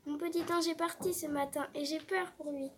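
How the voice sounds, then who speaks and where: A woman's voice: extremely high pitch, fairly even intonation, moderate pace, a little hiss or hum, voice pushed up. A woman voicing a tearful lady in a painting. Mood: pleading. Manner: soft and pleading.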